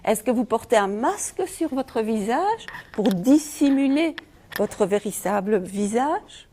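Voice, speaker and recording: A woman's voice: fairly high pitch, expressive, slow, dark tone, slight background noise. A middle-aged Belgian woman giving a conference talk on feng shui, asking the audience rhetorical questions. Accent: Belgian French.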